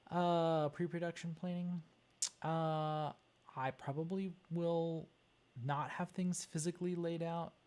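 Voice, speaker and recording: Thinking out loud over a wiring diagram, this livestream host chats casually with hesitant muttering. The voice is mid-range with a darkish tone.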